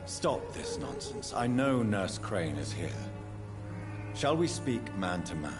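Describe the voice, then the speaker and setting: A man's voice: sits low, sing-song, slow pace, full character voice. An actor playing an earnest doctor who presses an old man with persuasive questions. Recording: game audio with loud background music.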